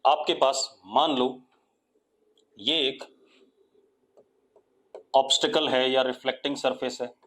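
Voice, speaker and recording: A man with an Indian accent teaches a live online physics lesson. He coaxes his students with repeated questions and waits for their answers. He dictates definitions slowly, word by word, in English. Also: medium pitch, steady tone, fairly bright tone.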